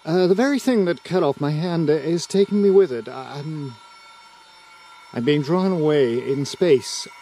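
An actor playing a bitter, self-loathing spaceman facing death in a radio drama, halting and theatrical. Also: a little high, mellow, slight background noise. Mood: urgent alarm.

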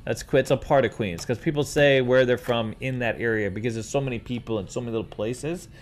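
Talking fast in a mid-range voice over a little hiss or hum, this middle-aged man from New York City chats casually as a livestream host. He fields viewer questions, wanders through animated, rambling stories, and says "dude" to everybody.

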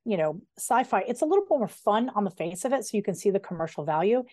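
Dry-sounding, animated middle-aged woman. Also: mid-range voice, no room sound. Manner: animated, digressive, with quick asides. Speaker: novelist guest. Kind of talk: casual interview talk.

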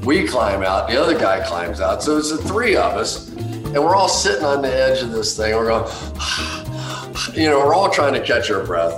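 A man telling anecdotes in an interview, animated and acting out what others said. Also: medium pitch, normal speed, roomy sound, over music. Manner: animated, acts out others' lines. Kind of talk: anecdotal storytelling.

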